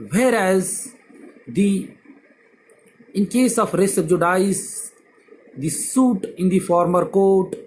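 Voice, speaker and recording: A man's voice: high voice, slight background noise, poor audio. A man, an advocate, giving a law lecture with emphatic repetition of key words. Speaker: advocate teaching civil procedure.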